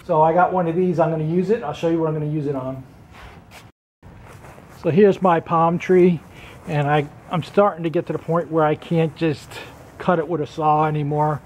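Guy rambling about a tool he bought, kinda high smooth voice, out in the yard, faint noise behind. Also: fairly even intonation, moderate pace, darkish tone. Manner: plain, rambling, practical. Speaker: tool reviewer. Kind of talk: casual product review. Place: outdoors in a front yard.

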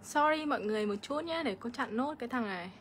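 A woman's voice: fairly high pitch, expressive, quick pace, slight background noise. A middle-aged woman, ranting on a casual livestream vlog and hitting back at her critics with indignation. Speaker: vlogger.

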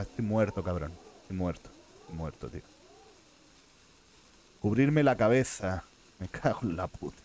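A man's voice: fairly low pitch, a little mellow. A man with a Spain Spanish accent giving live gameplay commentary as a streamer, muttering to himself and swearing often.

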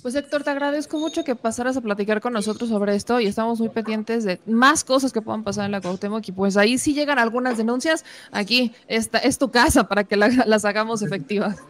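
A woman news host, interviewing and commenting in a colloquial, animated way with rhetorical questions. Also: fairly high pitch, fairly quick, few pauses.

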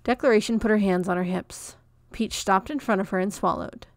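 A woman narrating a children's novel in a clear, expressive read-aloud. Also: mid-range voice, brisk, no room sound, studio quality.

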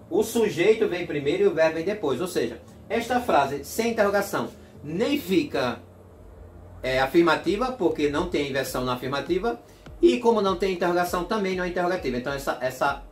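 Brazilian male teacher, slow deliberate drills, slightly raised pitch, echoey classroom. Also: a little hiss or hum. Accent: Brazilian Portuguese. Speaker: English teacher. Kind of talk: classroom lesson. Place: classroom with a board.

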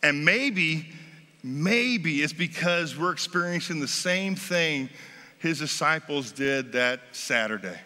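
Emphatic American pastor in a big sanctuary. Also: male voice, on the high side, expressive, takes it slowly, pushed and bright. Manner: emphatic, swelling and dropping for effect, gesturing. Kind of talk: Easter sermon. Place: large dark church stage at a lectern. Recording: long reverb of a large sanctuary.

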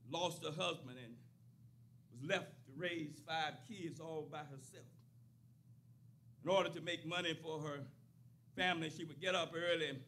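An older man delivers a sermon from a church pulpit, his voice high and bright. He builds through repeated lines with a rising preacher's cadence. A faint noise sits under the stand microphone. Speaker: pastor.

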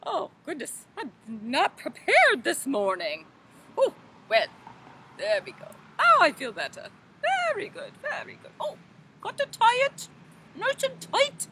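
A woman's voice: very high voice, huge pitch swings, unhurried, bright, forceful tone, slight background noise, full character voice, poor audio. A woman as a fluttery old Mother Goose. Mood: flustered. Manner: flustered, fluttery, exclaims "oh goodness". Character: fussy, scatterbrained old female Mother Goose. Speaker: library storytime performer. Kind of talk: children's rhyme time in character.

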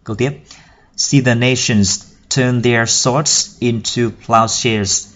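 Slow-talking man teaching a song. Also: mid-range voice, fairly even intonation, a bit bright. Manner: explains slowly, then sings lines slowly. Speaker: English singing teacher. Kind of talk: spoken lesson with sung demonstrations. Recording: dull lo-fi recording.

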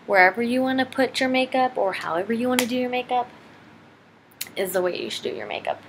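A woman's voice: on the high side, lively intonation, fast talker. A young woman giving a casual makeup tutorial in an informal, rambling, self-deprecating way, chatting as she works. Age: young adult. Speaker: beauty vlogger. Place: indoors, living room at home. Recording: noisy home camera recording.

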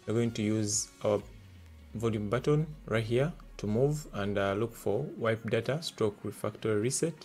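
A man's voice: lowish voice, normal speed, darkish tone, soft background music. A man hosting a tech tutorial, talking through steps plainly with many filler sounds, recorded at a desk indoors. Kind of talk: step-by-step tutorial narration. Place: desk indoors, hands-only camera.

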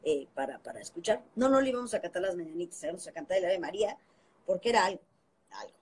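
A Mexican woman, around fifty, telling a lively anecdote on a phone live stream, laughing often and acting out the voices she quotes. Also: on the low side, fast talker, husky, rough recording.

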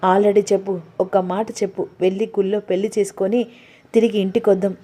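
A woman's voice: mid-range voice, little pitch movement, fast talker, mellow, close to an everyday voice. A woman voicing a young man in love, earnestly pleading and swearing devotion.

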